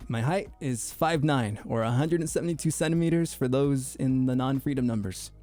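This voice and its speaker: In a casual livestream chat for his VTuber debut, a young man jokes and acts goofy, quick to laugh and prone to stammering restarts. He speaks in a mellow, mid-range voice with soft music in the background.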